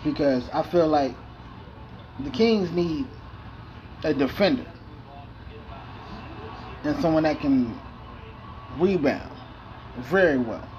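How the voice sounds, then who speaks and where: A man's voice: on the high side, darkish tone, dull audio, slight background noise. A man talking through a basketball video game franchise in loose, profane, rambling chat. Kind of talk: casual gameplay commentary.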